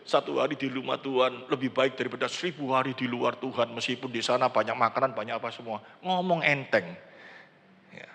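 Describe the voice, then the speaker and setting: An older man preaching a sermon in a large church, acting out quoted prayers with animated delivery. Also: medium pitch, quick pace, vocal fry. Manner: animated preaching, acts out quoted prayers, mixes in Javanese words. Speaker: pastor. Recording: church sound system with long hall reverb.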